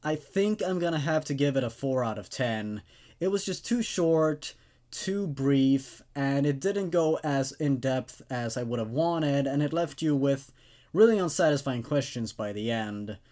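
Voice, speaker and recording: Animated and mellow, this man's medium-pitched voice keeps a measured pace as he hosts a horror story show. His delivery is emphatic, shifting from dramatic readings to relaxed reviews.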